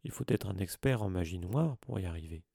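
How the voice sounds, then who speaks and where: Dumbledore, vieux directeur doux et sage, joué par un homme. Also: male voice, low-pitched, a little fast, creaky, husky, dry recording, clean studio sound, heavily acted. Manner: soft-spoken, calm. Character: gentle wise old male headmaster.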